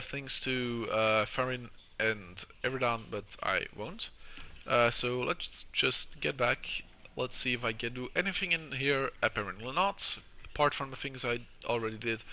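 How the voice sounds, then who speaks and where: Male gameplay host, very bright piercing tone, nose plugged with tissue, halting casual walkthrough style. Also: medium pitch. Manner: halting, hesitant delivery crowded with uhs. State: nose plugged with tissue from a nosebleed, stuffy nasal sound. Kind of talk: casual video game walkthrough commentary.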